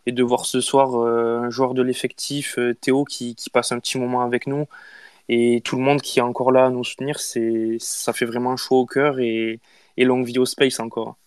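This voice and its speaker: Flat-voiced man with a smooth voice. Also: medium pitch, normal speed, no echo. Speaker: co-host. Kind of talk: casual chat.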